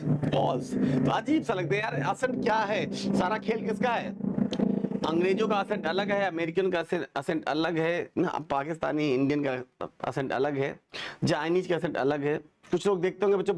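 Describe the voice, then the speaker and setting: A male teacher giving a lively, joking classroom lesson, quizzing students and having them repeat words. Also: sits high, moderate pace, very noisy.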